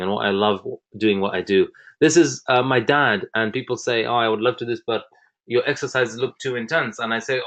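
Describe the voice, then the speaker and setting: A man in his thirties gives a presentation with enthusiasm, at a middle pitch. He often pauses on fillers as he goes. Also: fairly bright tone. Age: 30s. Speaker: fitness program founder. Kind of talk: presentation talk.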